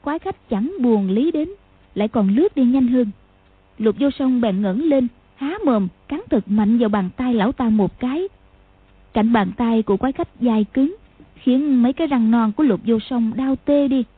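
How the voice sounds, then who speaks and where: Casting: female audiobook narrator, husky, fairly high, even delivery; tinny phone-like dry recording. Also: normal speed. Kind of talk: scripted narration.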